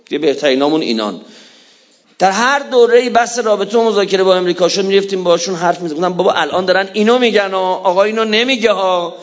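A man preaching an impassioned religious sermon, swinging between shouts and hushed low tones. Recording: dull lo-fi recording.

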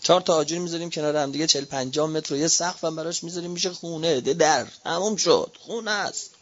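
A man with a Persian accent from Qom, a cleric preaching a fiery sermon, swinging from quiet reasoning to shouted rhetorical appeals. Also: fairly high pitch. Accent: Iranian Persian, Qom. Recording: dull lo-fi recording.

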